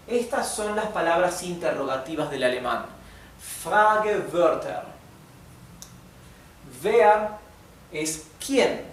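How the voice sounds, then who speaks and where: Male teacher, slightly high voice, slow and patient delivery, faint room noise. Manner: checks in often with "¿sí?" and "¿bien?"; slow, careful demonstrations of German words. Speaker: German teacher. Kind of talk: classroom lesson explaining grammar. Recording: echoey room, mic some distance off, faint noise.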